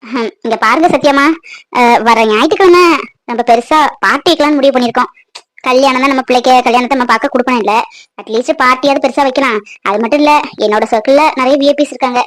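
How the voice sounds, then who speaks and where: A woman's voice: sits high, close to an everyday voice. A woman playing a proud, status-minded mother-in-law who talks down to her guests and scolds the household. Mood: grudging. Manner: dismissive, scolding, fast-talking. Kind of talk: family drama skit.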